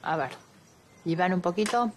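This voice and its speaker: A woman's voice: on the low side, expressive, normal speed, slight background noise, lightly acted. An actress playing an easygoing middle-aged Argentine mother in casual, naturalistic family chat. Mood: casual, mildly defensive.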